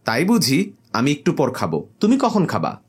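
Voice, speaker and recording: A man's voice: medium pitch, wildly swooping pitch, normal speed, breathy edge, full character voice. A man voicing a young male jinn who makes TikTok videos, talking in a petulant, bantering way in a storybook comedy.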